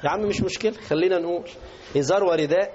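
A man's voice: high-pitched, rapid-fire, background noise. A man with an Egyptian Arabic accent teaching a religious lesson, asking his class questions as he explains. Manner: interactive, asks the class questions. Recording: dull lo-fi recording.

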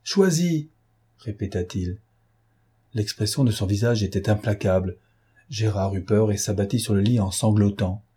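A man narrating an audiobook in a measured, dramatic reading. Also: fairly low pitch, little pitch movement, dark tone, husky.

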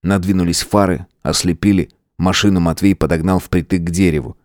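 A man reading a novel aloud as an audiobook narrator, with an expressive delivery. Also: low voice, a little fast, no echo, clean studio sound. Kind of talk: scripted narration.

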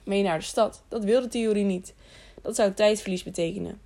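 Gravelly woman narrating an audiobook. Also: mid-range voice, normal speed. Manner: steady storytelling, slight stumbles. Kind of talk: scripted narration.

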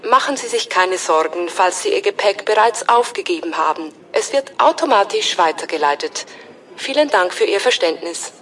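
A woman playing a polite airport announcer in a scripted language-exam recording, with clear, measured delivery. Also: medium pitch, expressive, fairly bright tone, a little hiss or hum, natural voice. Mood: announcing.

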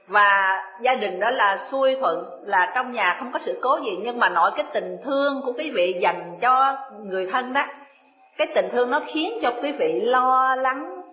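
A woman's voice: fairly high pitch, expressive, moderate pace. A Buddhist woman teacher, giving a dharma talk in a chatty storytelling manner. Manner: chatty storytelling, laughs often. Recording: echoey room, dull lo-fi sound.

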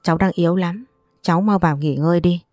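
A woman's voice: lowish voice, quick pace, a little mellow, no room sound, clean studio sound, faint music behind, close to an everyday voice. A woman doing a firm, protective aunt. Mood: gentle. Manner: scolding, firm. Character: sharp-tongued middle-aged aunt, protective.

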